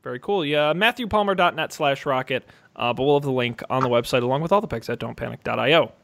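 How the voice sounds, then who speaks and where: A man co-hosting a casual podcast, talking informally and enthusiastically, as if pitching gadgets to friends. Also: quick pace, vocal fry, a bit bright. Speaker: podcast co-host.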